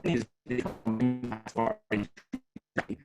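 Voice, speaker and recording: A man's voice: medium pitch, brisk, loud music behind the voice. A man giving a webinar talk over a video call whose audio keeps breaking up, hesitant with many fillers. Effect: choppy, breaking-up video call audio. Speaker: webinar presenter. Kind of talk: online presentation.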